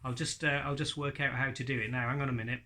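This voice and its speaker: A man's voice: mid-range voice, fairly even intonation, quick pace, pushed and bright. A middle-aged man giving an informal, chatty ventriloquism lesson with jokey asides. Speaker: ventriloquism teacher. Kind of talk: informal instructional video talk.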